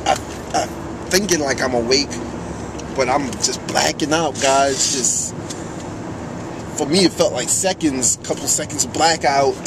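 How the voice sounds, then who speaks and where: A man in his twenties chatting for a vlog in a weary, deliberate way. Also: mid-range voice. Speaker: video creator, vlogger. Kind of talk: casual vlog chat. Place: inside a car. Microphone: camera in the car. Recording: noisy car interior.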